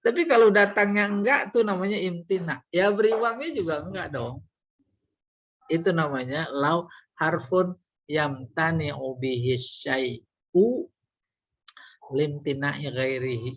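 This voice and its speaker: A man lectures slowly with a husky grain, his carrying a lilt. He teaches Quran commentary in a teasing, animated way while working through Arabic grammar terms. The recording sounds dull and lo-fi. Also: fairly high pitch. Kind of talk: religious study lecture.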